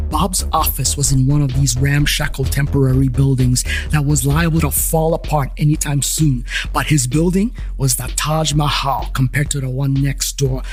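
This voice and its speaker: A man's voice: a little high, a little mellow, lightly acted. A man playing a wry first-person investigator who narrates the story with dry asides in an audio drama.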